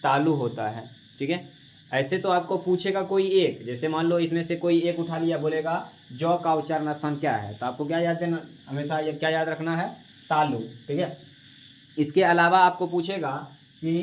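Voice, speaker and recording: Male tutor drilling grammar. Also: fairly high pitch. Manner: repeats questions and answers for drilling, calls students "babu". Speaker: teacher. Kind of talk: classroom grammar lesson. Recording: dull lo-fi classroom recording with faint hiss.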